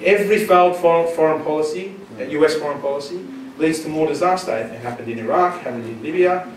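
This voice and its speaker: In a large lecture room, a Syria-born man in his thirties stands with a handheld mic to give a panel answer at a conference. He talks fast in a fairly high voice, casually and with lots of fillers before his delivery grows forceful. The distant camera recording carries a roomy echo and audible room noise.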